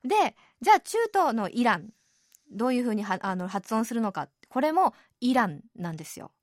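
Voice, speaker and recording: Woman radio host, chatty and easygoing, fairly high voice, dry close studio sound. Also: sing-song, brisk, no room sound. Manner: chatty, adds soft tag particles often. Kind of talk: radio program presenting.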